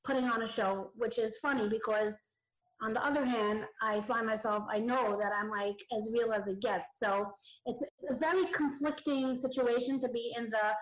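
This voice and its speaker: A fairly high-voiced woman comedian talks loosely as a podcast guest, leaning on "like" and "you know what I'm saying." Her side of the call sounds muffled and warbly, as though she were underwater. The garbled remote audio also rings with a roomy echo. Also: fairly even intonation, normal speed. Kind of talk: casual interview chat.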